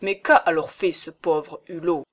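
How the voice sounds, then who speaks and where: A woman's voice: sits low, steady tone, a little slow. A woman voicing an eager, gallant middle-aged bourgeois man who makes fervent, emphatic promises. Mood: hurried.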